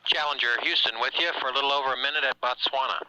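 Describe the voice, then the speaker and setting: A man delivers mission control radio chatter to a crew. His voice is very bright and forceful, with a clean, crisp tone. The phrasing is procedural and clipped, carried over a radio link. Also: mid-range voice, fairly even intonation, rapid-fire, poor audio. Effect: radio transmission.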